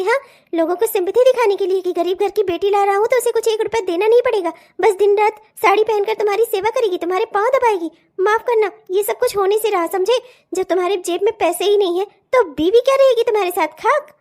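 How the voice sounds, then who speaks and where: Casting: woman as a very high-voiced cartoon bride, demanding and mouthy. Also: fast, darkish tone. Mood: defiant. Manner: defiant, scolding. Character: bold demanding young bride, sharp-tongued. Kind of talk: cartoon voice acting.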